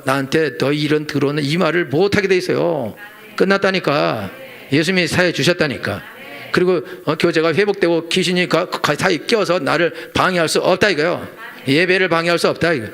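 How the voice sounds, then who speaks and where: A man's voice: on the high side, vocal fry, fairly bright tone. A middle-aged male pastor giving a Sunday sermon, blunt and colloquial, acting out little dialogues. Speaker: senior pastor.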